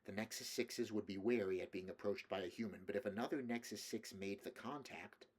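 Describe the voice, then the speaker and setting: Man reading a soft, placating female android. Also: fairly low pitch, fairly quick, a little hiss or hum, natural voice. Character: calm, persistent female android offering help.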